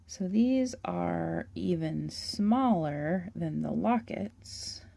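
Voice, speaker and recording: A woman hosting a toy-collecting channel, chatting and gushing through a catalog in a hoarse voice. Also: lowish voice, animated, extremely slow, mellow. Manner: chatty, gushing, with little laughs. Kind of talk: casual show-and-tell of a toy catalog.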